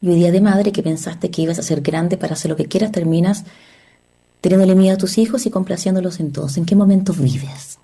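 Woman, therapist, motivational talk, earnest, rhetorical questions, mellow tone, husky. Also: on the low side, fairly even intonation, brisk.

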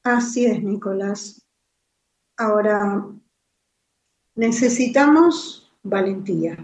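A woman co-host speaks in a slow, unhurried way and reflects on the topic. Her voice sits at a middle pitch, and the recording has a noticeably roomy echo. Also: expressive, darkish tone. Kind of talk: conversational talk.

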